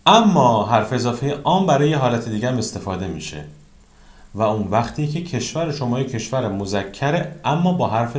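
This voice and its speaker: A man teaching a beginner French grammar lesson, explaining each rule and then saying French example phrases slowly and carefully. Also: on the low side, reverberant.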